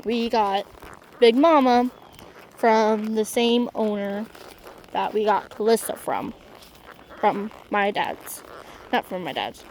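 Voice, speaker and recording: Slow, halting young woman outdoors. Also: mid-range voice, darkish tone, a little hiss or hum, poor audio. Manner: halting, full of restarts, emotional. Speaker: vlogger. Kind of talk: casual storytelling while riding. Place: outdoors on horseback.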